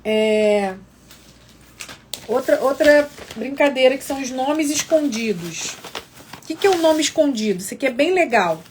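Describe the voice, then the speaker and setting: A woman's voice: high voice, lively intonation, normal speed, a little mellow, a little hiss or hum. A woman explaining literacy games step by step in a casual live lesson, often checking in with viewers. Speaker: educator teaching literacy games.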